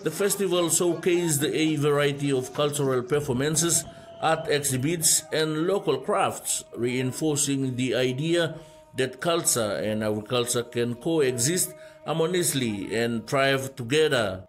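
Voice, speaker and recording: A male reporter reading a scripted news report in a measured, formal way. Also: medium pitch, rough recording.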